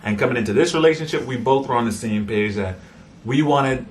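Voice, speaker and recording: A man in his thirties co-hosting a casual couple's chat, full of jokes and quick interjections. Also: mid-range voice, slight background noise. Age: 30s. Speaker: co-host.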